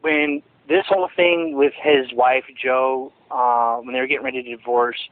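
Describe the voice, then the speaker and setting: The voice is male, mid-pitched and fairly even, at a normal speed. A former ministry associate, he gives a phone interview in a rambling, insistent style with frequent restarts, heard on a thin, dry line.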